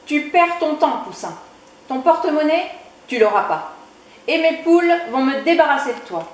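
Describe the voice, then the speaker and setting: A woman voicing a greedy, bullying grown man who steals, in a children's storybook reading, with a loud taunting voice. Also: sits high, sing-song, moderate pace, pitched above the performer's own voice. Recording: echoey room.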